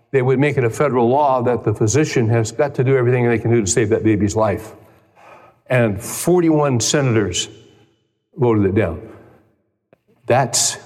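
A male pastor delivering an emphatic sermon, his voice climbing high when he stresses a point. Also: a little mellow. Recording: long reverb of a large hall.

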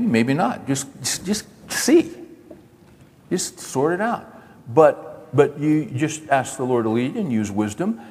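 An older man preaching a sermon, folksy and animated, acting out little dialogues and talking straight to his listeners. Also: fairly high pitch. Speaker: pastor. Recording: long hall reverb.

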